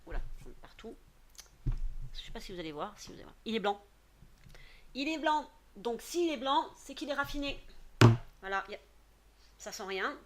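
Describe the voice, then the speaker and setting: A woman's voice: a little high, animated, moderate pace, long pauses, background noise. A woman in her thirties chatting casually through a product haul, with lots of fillers and restarts. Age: 30s. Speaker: beauty vlogger.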